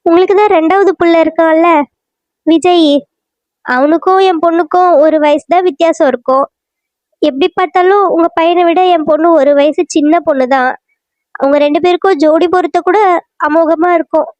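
A woman voicing a shrill, nagging village mother. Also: steady tone, moderate pace, a little mellow, no echo. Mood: pushy. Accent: Kanyakumari Tamil. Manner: reproachful, wailing, nagging. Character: middle-aged village mother, bitter and complaining. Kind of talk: cartoon serial voice acting. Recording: dry, muffled lo-fi recording.

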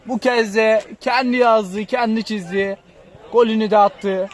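A high-voiced man calls a football match live, his play-by-play rising into excited, stretched-out shouts whenever there's a shot or a goal.

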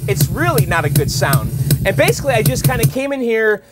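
A man's voice: high voice, very animated, brisk, music in the background. A man hosting his own channel, casually walking through how he built a song at his home studio computer, chatty and full of fillers and restarts. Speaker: channel host. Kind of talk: casual walkthrough and tutorial. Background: his synth tracks playing clearly.

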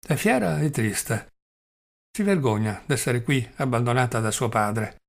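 A man's voice: medium pitch, expressive, measured pace, creaky. A man reading the part of a worried, earnest woman in an audiobook. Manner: concerned and earnest. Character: worried, kind woman, Claudia Petrovna.

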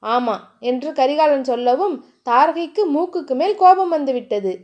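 High-voiced woman narrating a novel. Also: normal speed, lo-fi sound. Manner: steady, expressive storytelling. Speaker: audiobook narrator.

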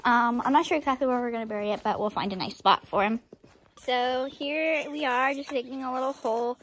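A woman's voice: on the high side, a little fast, a bit bright, a little hiss or hum. A teenage girl casually narrating a farm vlog on a handheld phone, chatty and giggly with lots of ums. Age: teens. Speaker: vlogger. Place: outdoors on a farm, barns and pens. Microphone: handheld phone camera.

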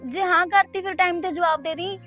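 A woman's voice: extremely high pitch, fairly even intonation, a little fast, sharp tone, soft background music. A young woman acting a bold, defiant daughter who talks back with sass in a short film. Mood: teasing. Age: young adult. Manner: sassy, argumentative. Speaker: teenage daughter.

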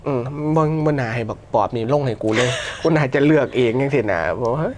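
A young man with an Isan accent, a film director guest chatting casually in an interview, relaxed, laughing easily and swearing now and then. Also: fairly high pitch.

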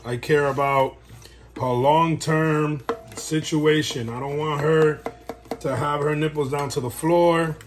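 A man's voice: on the high side, fairly even intonation, takes it slowly. A man breeding dogs, rambling casually through a how-to vlog from home while he works. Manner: rambling and chatty, talks while working. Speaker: dog breeder. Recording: noisy home recording.

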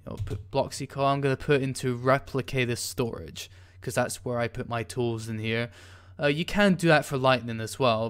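Man, coding tutorial host, smooth clear voice, mid pitch, casual, hesitant, keyboard typing behind. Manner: casual, hesitant, many ums while typing. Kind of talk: screen-recorded coding tutorial.

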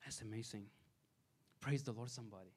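Preaching a sermon with energy, this male pastor speaks a little fast in a mid-range, slightly rough voice, moving from loud emphasis to soft asides and back. A native Farsi speaker, he uses a handheld mic in a small church sanctuary.

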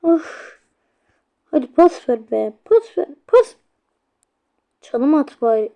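A woman hosting a gaming channel, giving excited let's-play commentary, crying out and grumbling at the game and talking straight to viewers. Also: sits high, slow, vocal fry. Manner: talks to viewers directly.

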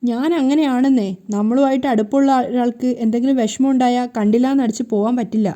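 A woman voicing a smooth-talking, scheming middle-aged man who lies persuasively. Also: fairly high pitch, fairly even intonation, quick pace, warm tone, lightly acted.

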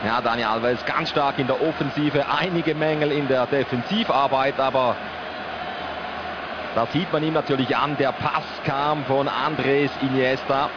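A man's voice: medium pitch, steady tone, moderate pace. A man commentating on a televised football match, analysing play in short phrases. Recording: muffled broadcast audio over loud stadium noise. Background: stadium crowd noise.

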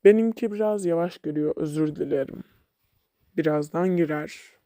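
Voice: mid-range voice, normal speed, dark tone, no room sound, clean studio sound. A game vlogger giving casual gameplay commentary, chatty and talking back at the game, sometimes dropping to a mutter.

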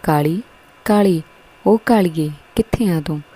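A woman voicing a desperate mother shouting for her missing daughter. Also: lowish voice, measured pace, breathy edge, poor audio. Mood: frantic.

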